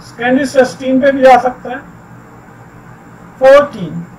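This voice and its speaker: Man, very high voice, patient textbook teacher, distant mic with faint noise. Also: level tone, darkish tone. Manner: explains slowly, repeating words and "theek hai ji". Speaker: English teacher. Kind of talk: textbook grammar lesson.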